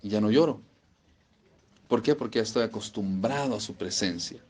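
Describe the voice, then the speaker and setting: A man's voice: lowish voice, moderate pace. A man preaching a sermon, emphatic and repeating phrases for stress.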